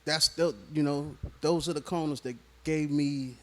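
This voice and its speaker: A man, a rapper telling stories in a relaxed, slang-heavy interview, often checking in with the listener. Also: on the high side, measured pace. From born in Nigeria, raised in Houston, Texas. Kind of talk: casual interview storytelling.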